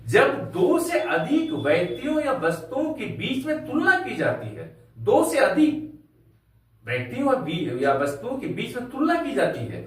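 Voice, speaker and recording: A man teaching a grammar lesson to a class, slowly spelling out words letter by letter and asking rhetorical questions. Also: very high voice, huge pitch swings, fairly bright tone. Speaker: English teacher. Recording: very echoey room, from far off.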